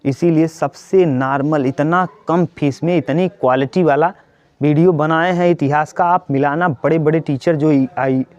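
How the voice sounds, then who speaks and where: A man's voice: a little high, fairly even intonation, normal speed, darkish tone. A male coaching teacher giving his students an earnest pep talk in the middle of a maths lesson, repeating his points and answering his own questions. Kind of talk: motivational talk to students during a maths class. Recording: dry, dull lo-fi sound.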